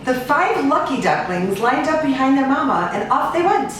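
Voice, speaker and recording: An American woman reads a children's storybook to kids in a high-sitting, expressive, sing-song voice, drawing out repeats as she lists. She is an animal cruelty investigator and rescue agent. Recorded away from the mic in an indoor room, the audio is distant, very echoey and hissy.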